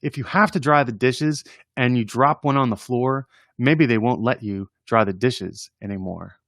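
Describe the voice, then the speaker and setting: A story-time presenter reads humorous children's poems aloud, informal and amused, chuckling and adding chatty asides between readings. His medium-pitched, fairly bright voice moves at a moderate pace in studio-quality audio with no room sound.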